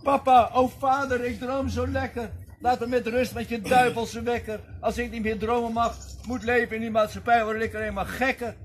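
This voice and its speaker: High-voiced man declaiming poetry. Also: flat delivery, normal speed, few pauses, a little hiss or hum. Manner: theatrical, swings between loud declaiming and soft asides. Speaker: poetry reader. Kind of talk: dramatic poetry recitation. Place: reading circle gathering.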